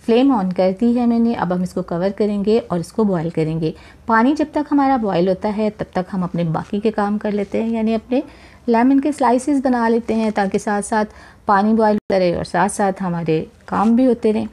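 Unseen on camera, a woman talks her viewers through a dish in a chatty, warm voice-over of medium pitch and ordinary pace. She addresses them encouragingly and repeats religious blessings while she works.

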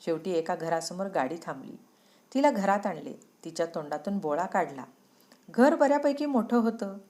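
A woman's voice: on the low side, expressive, moderate pace, warm tone. A woman narrating a moral story in an earnest, dramatic way.

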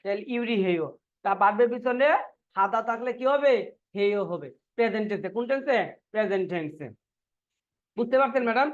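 A man's voice: sits high, brisk, long pauses, highs cut off. A man teaching a Korean language class online, drilling students by asking the same questions over and over and answering them himself. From Bangladesh.

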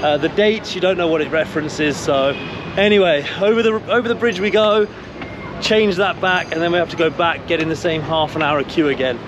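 A man's voice: a little high, a little fast, highs cut off, noisy background. Chatty English man vlogging on the move. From England. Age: 30s. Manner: chatty, explains steps to camera while walking. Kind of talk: casual travel vlog. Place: outdoors in a city and inside a busy public hall. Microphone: camera held at arm's length. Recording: background music.

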